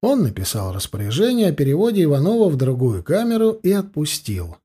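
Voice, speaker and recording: A man narrating an audiobook story in a measured, expressive storytelling manner. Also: fairly high pitch, husky. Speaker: audiobook reader.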